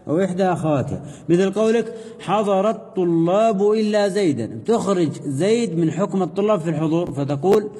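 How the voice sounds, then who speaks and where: A man's voice: on the high side, mellow, husky, big-room sound. A man teaching a grammar lesson, reading a text aloud, then asking the class questions and answering them himself. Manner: reads source text aloud then explains slowly.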